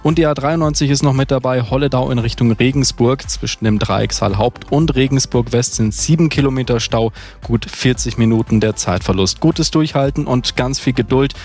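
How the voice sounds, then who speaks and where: A man's voice: mid-range voice, normal speed, a little mellow. Friendly male traffic reporter. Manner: friendly, informal, addresses drivers directly.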